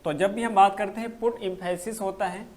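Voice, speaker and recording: A man with a notably high voice leads a live online grammar class. He answers viewers' comments as they arrive and drags out the key terms, saying each one again and again so it sticks. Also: steady tone, measured pace, a little mellow. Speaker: English grammar teacher.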